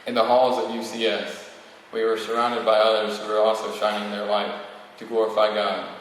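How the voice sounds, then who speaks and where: The speaker is a roughly eighteen-year-old male valedictorian reading a prepared speech to an audience, with occasional stumbles, in a fairly low monotone at normal speed. He's captured by a distant mic in a large, very echoey hall with faint noise.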